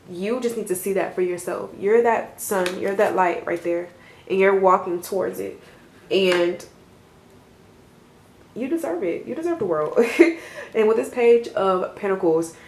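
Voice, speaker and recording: A woman doing a casual tarot reading for her viewers, rambling and reassuring, with frequent fillers and small laughs. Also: medium pitch. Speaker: tarot reader. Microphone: camera mic. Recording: roomy echo.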